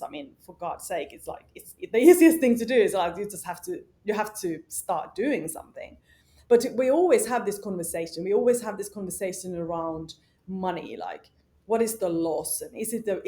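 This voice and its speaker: In a casual interview conversation, a female company founder and CEO appears as a guest, talking in a warm, medium-pitched voice. She's emphatic and outspoken, sprinkling her speech with plenty of "uh" and "you know."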